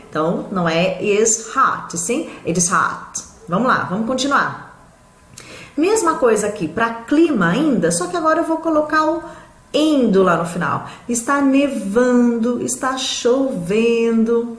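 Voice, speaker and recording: A woman with a São Paulo interior accent teaches English in a live online class. She explains step by step, checks in often with her viewers, and speaks in a somewhat high voice. The room around her sounds echoey. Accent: São Paulo interior Brazilian Portuguese. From Brazil. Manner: patient and explanatory, with frequent "tá?" check-ins.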